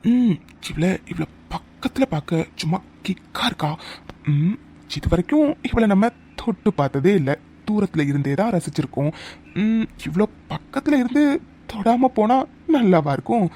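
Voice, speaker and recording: A voice actor doing a leering young office creep from a cartoon who stalks a coworker after hours. His voice swings up and down as he teases and insinuates, smug and unhurried. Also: medium pitch, expressive, mellow. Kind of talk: cartoon voice acting.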